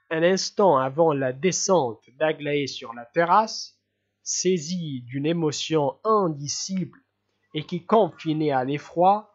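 An audiobook narrator reading a classic novel in a measured, deliberate way. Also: mid-range voice, dull audio. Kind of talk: scripted literary narration.

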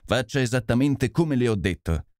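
A man voicing a commanding, sharp detective. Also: medium pitch, animated, normal speed, no echo, studio quality, lightly acted. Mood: commanding, urgent. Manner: commanding, urgent.

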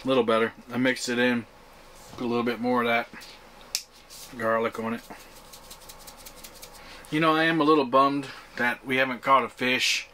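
Relaxed, chatty man camping on a boat. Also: mid-range voice, normal speed, long pauses, slight background noise. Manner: relaxed, chatty, many "uh" fillers. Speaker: outdoor vlogger. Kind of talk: casual camping vlog talk. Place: enclosed pontoon boat on the water, outdoors.

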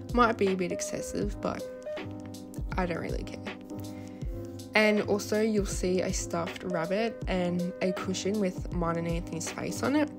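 A young woman with a lisp and slushy s sounds, narrating her daily routine in a chatty, informal vlog voice-over. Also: on the low side. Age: young adult. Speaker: vlogger. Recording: background music. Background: music.

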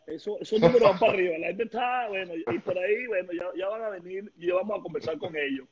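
A middle-aged man with a Venezuelan Spanish accent hosting a live video interview, lively and stammering as he talks. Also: high-pitched, husky. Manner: lively, gestures a lot, stammers and repeats words. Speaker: host. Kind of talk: casual live-stream interview. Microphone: webcam on a video call. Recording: dull lo-fi video call.

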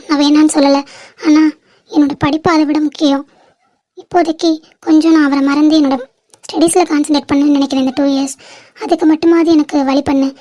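A woman's voice: high voice, dark tone. A woman as Pinky, a pleading young girl. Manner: pleading, emotional, mixing English words. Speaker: channel creator voicing the lead. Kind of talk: amateur drama acting.

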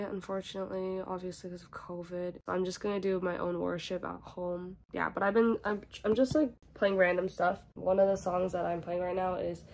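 A woman's voice: fairly low pitch, slight background noise. A young woman vlogging casually from her bedroom while sick, with a stuffed-up nose and a rambling, filler-heavy way of talking. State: congested from a cold. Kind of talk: casual vlog chat. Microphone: camera mic in a bedroom. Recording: guitar music behind the voice.

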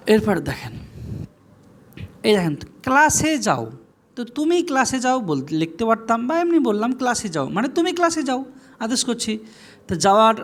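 A man teaching an Arabic lesson, saying phrases slowly and repeating them before explaining each one in everyday speech. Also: high-pitched. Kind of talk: classroom lesson.

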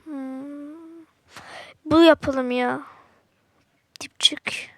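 A woman's voice: sits high, steady tone, drawn-out words. A woman giving casual, slangy gameplay commentary to her viewers, with sudden frustrated outbursts. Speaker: gaming channel host.

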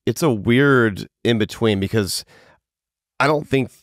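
A man's voice: mid-range voice, measured pace, dry recording, studio quality. A man in his fifties hosting a podcast interview, rambling and casual, swearing and poking fun at himself. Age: 50s. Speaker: podcast host.

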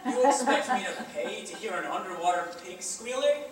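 A stage performer playing a prim, easily offended gentleman who sounds indignant, fussy and flustered. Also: mid-range voice, expressive, moderate pace, natural voice. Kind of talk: high school stage play. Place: school auditorium stage. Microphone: far camera. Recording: echoey hall from far off.

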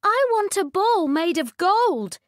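A woman voicing a spoiled young princess from a storybook, with a high, petulant, demanding voice, read slowly. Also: sing-song, no room sound, studio quality, heavily acted.

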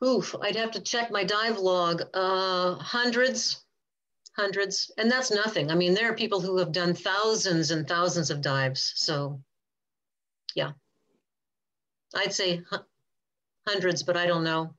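An older woman scientist answering questions in a relaxed, rambling way over a video call. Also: on the low side, a little slow, pauses often, low-quality recording. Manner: chatty, rambling, self-correcting. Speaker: guest speaker, cave diving scientist.

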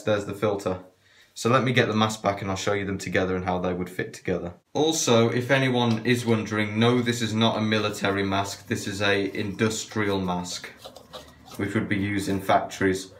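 A man's voice: on the low side, a bit bright. Man talking through a cloth mask. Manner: chatty, hesitant, trails off with fillers. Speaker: gas mask reviewer. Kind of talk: casual unboxing review. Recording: echoey room.

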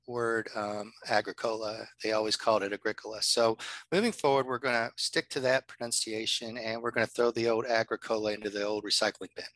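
A man's voice: mid-range voice, fairly bright tone, no room sound, low-quality recording. A man, a university librarian, giving a chatty workshop presentation over a video call from his home office, with frequent ums and uhs.

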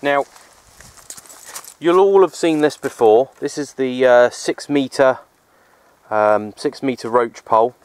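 A hobby vlogger in his thirties talks casually and a bit hesitantly to a handheld camera held at arm's length in open countryside, rambling through explanations. His mid-range, slightly mellow voice moves slowly with long pauses, and the recording is dry.

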